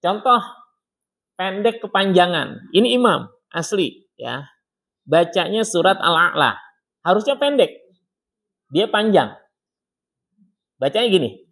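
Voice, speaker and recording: A man leads a Quran recitation lesson in a mosque study circle, his voice sitting a little high for a man. He explains each point plainly, breaks into slow, melodic chanting of the verses, and calls on students by name to test them. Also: very animated, vocal fry, a bit bright, husky. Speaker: Islamic teacher.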